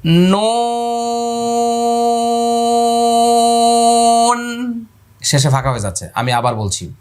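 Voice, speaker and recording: A man's voice: medium pitch, animated, a little fast, a little hiss or hum. A man teaching Quran pronunciation, repeating letter sounds aloud and asking viewers to watch his mouth. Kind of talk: spoken lesson on letter pronunciation.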